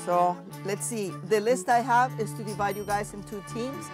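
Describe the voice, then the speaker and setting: A woman's voice: mid-range voice, normal speed. A woman speaking as a farm host, explaining things in slightly non-native English phrasing. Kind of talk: explanatory interview and welcome talk. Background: guitar music.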